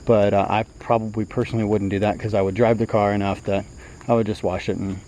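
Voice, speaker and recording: A man's voice: on the low side, little pitch movement, quick pace. A man showing an old car and chatting about it casually, rambling with plenty of fillers. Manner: easygoing, rambling with many fillers. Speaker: classic car dealer. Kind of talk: casual walkaround commentary. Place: outdoors around an old car. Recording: loud outdoor noise.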